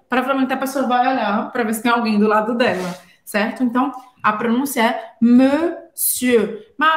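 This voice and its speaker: A woman teaching a language lesson, explaining patiently and spelling out sounds slowly. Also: high-pitched, reverberant. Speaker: French teacher.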